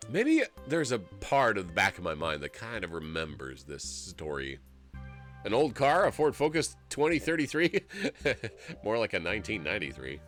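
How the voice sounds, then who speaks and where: This man in his forties has a fairly low voice and speaks at a normal speed as he streams a story game. He reads the narration aloud, rambles, jokes, and laughs often in an animated way. Faint music sits behind him.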